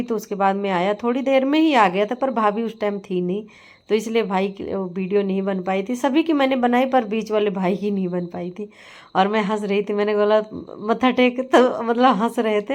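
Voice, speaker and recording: A woman's voice: mid-range voice, a little mellow. A middle-aged woman vlogger chatting casually over her family video, laughing as she tells the story.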